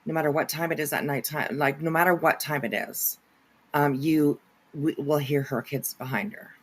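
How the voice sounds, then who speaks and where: A woman hosting a casual livestream, salty and teasing, who playfully hushes her audience in half-whispers. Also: deep voice, fairly even intonation, normal speed. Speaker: livestream host reacting to a clip. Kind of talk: casual chat, commentary.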